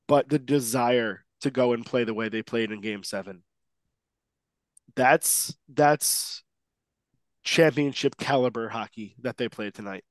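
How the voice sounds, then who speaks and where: This sports podcast co-host, a man with a mid-range voice, chats excitedly despite losing his voice, sounding slightly nasal and stopping to restart his emphatic points often. The recording is dry.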